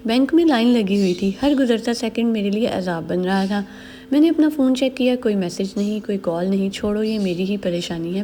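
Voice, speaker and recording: A woman narrating a first-person story in a measured, earnest way. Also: mid-range voice, mellow.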